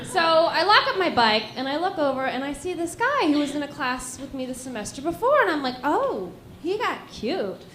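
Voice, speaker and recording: A woman's voice: high-pitched, big pitch swings, brisk, hardly any pauses, a bit bright, echoey room, slight background noise. A woman in her twenties from Reno and Las Vegas, performing stand-up comedy with brash storytelling and acted-out asides. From Reno and Las Vegas, USA.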